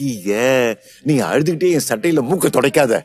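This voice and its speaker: A woman voicing a young man who gently soothes and teases a crying friend. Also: extremely low pitch, animated, moderate pace, husky, pitched below the performer's own voice, full character voice. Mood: teasing. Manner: gentle, teasing. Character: young man, teasing and caring.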